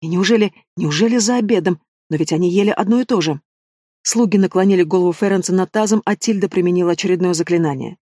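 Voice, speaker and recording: A man narrating a fantasy audiobook with a steady, expressive reading. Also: sits high, quick pace, dry recording, studio quality. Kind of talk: scripted narration.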